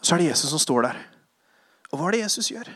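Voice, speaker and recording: A man preaching a sermon, retelling Bible stories with lively acted-out voices and sudden hushed passages. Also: on the high side, breathy edge, dry recording. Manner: animated storytelling, acting out voices, drops to hushed tones.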